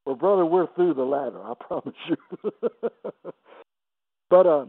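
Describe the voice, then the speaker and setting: A man in his seventies, an evangelist guest, telling emotional testimony stories on a radio interview, halting and repeating words as he goes. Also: a little high, lively intonation, husky, no room sound. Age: 70s. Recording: dry, phone-like radio line.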